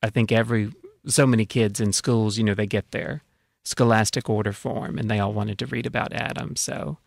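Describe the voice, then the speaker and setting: A man's voice: lowish voice, fairly even intonation, normal speed, creaky, dry recording. A man talking casually as an author being interviewed on public radio, explaining things with frequent conversational filler phrases. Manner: explanatory, peppers talk with "you know".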